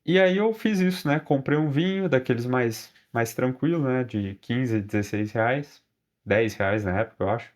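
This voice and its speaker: A man's voice: medium pitch, moderate pace. A man with a Brazilian accent telling a personal story in a casual vlog, chatty with frequent tag questions and restarts. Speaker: vlogger.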